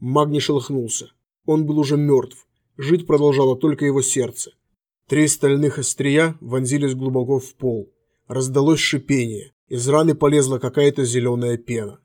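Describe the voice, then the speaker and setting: A man narrating a fantasy audiobook in a steady, measured way. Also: medium pitch.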